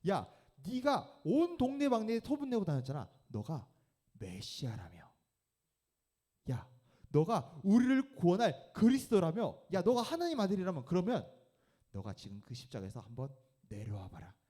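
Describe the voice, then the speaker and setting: A man's voice: sits high, wildly swooping pitch, moderate pace, mellow, voice pushed up, full character voice. A man voicing a scornful male thief who taunts and sneers at a man on the cross beside him. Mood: mocking.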